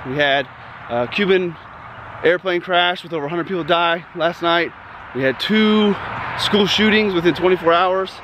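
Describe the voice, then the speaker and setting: A man's voice: high voice, normal speed, lo-fi sound. A man casually vlogging about finance while walking outdoors, slightly winded and rambling with fillers. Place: outdoors on a walk. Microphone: phone held in hand. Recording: outdoor street noise.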